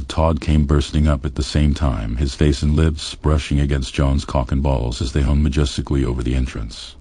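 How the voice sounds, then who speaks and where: A man reading a crude comedy story aloud in a deadpan, matter-of-fact way. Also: rumbling low, husky. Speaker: audiobook narrator.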